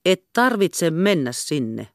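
A female reader doing a stern young sea captain, rough and curt, pitched low and held back. The storybook recording sounds dry and close. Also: big pitch swings, no room sound. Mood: gruff.

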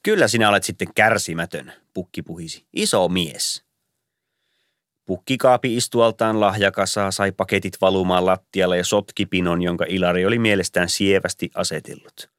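A man narrating a story in a measured, scripted audiobook reading on a close mic. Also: low voice, fairly even intonation, clear, resonant tone, no room sound.

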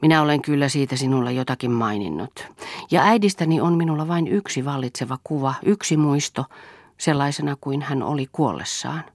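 A woman reading the part of a brooding, self-mocking older man in a low, quiet, reflective voice. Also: no echo, studio quality.

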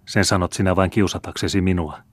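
A man's voice: sits low, fairly even intonation, breathy edge, no echo. A man voicing a hot-headed seventeen-year-old young nobleman who speaks impatiently and indignantly. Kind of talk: audiobook character reading.

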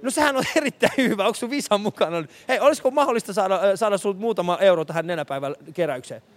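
High-voiced radio host out on the street. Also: male voice. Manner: energetic, laughing, calling out names to passers-by. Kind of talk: live charity radio broadcast, street stunt. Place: city street outdoors, passing traffic. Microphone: handheld mic.

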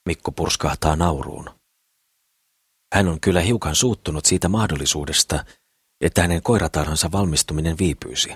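A man reading a novel aloud as audiobook narrator, steady and measured. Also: extremely low pitch, breathy edge, no room sound, studio quality. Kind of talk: scripted narration.

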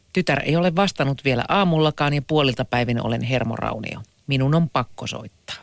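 A man reading newspaper columns aloud for a radio press review, lively and lightly humorous. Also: medium pitch, no echo.

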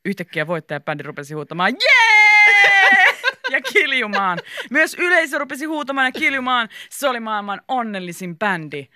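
A woman reading a children's story aloud in a lively, animated way. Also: on the high side, hardly any pauses, no room sound.

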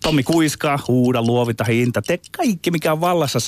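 A man's voice: mid-range voice, a little hiss or hum. A man co-hosting a sports debate show, delivering prepared arguments with theatrical, sardonic, mock-archaic rhetoric. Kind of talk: scripted polemical argument.

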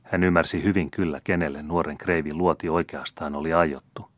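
A man reads a classic novel aloud in a measured, steady storytelling voice. His voice is deep and low. The sound is dry and close, with no room around it. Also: dry recording. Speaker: audiobook narrator. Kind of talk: classic novel audiobook narration.

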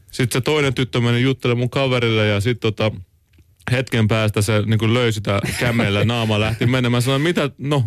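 A male guest recounts an anecdote in a casual chat, pausing often with fillers. His voice is at a middle pitch. The sound is dry and close. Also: dry recording. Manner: hesitant, many fillers, relaxed anecdotes.

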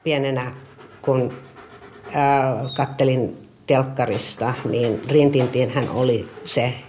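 A middle-aged woman chatting casually about her dog, lively and often stumbling over repeated words. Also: rumbling low, a little hiss or hum. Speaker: dog owner interviewee. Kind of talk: casual personal storytelling.

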